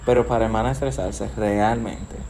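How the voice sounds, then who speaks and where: A man's voice: on the low side, fairly even intonation, moderate pace, darkish tone, slight background noise, low-quality recording. A man hosting a casual chat, laughing often and drawing out his phrases. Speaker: host.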